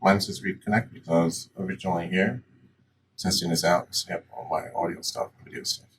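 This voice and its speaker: Recorded from a distance with rough audio and faint noise behind him, a low-voiced man talks through software steps as a casual tutorial presenter. He's plain-spoken and instructional, keeping his intonation fairly even and moving a little fast.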